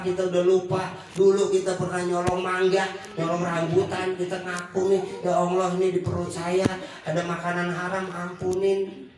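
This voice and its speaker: A man's voice: sits high, a bit bright. A man with a Betawi accent giving a humorous sermon to a women's gathering, joking and acting out quoted voices. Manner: jokey, acts out quoted voices. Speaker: preacher. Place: monthly religious gathering hall. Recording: very echoey hall, distant mic.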